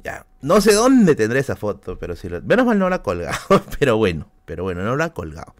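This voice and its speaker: A man's voice: mid-range voice, wildly swooping pitch, quick pace. A man with a Peruvian accent from Lima, telling a casual anecdote on a live stream, slangy and full of fillers and swearing. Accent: Peruvian Spanish, Lima.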